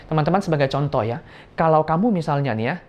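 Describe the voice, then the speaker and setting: A young man giving a Sunday school sermon, lively and playful, telling stories and acting out voices, on a slightly dull recording. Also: a little high, fast. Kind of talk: children's sermon.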